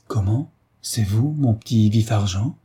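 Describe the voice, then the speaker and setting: A man's voice: fairly low pitch, unhurried, mellow, husky. A man voicing a gracious, teasing royal princess in an audiobook story, raised to a lighter, playful tone. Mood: concerned, teasing.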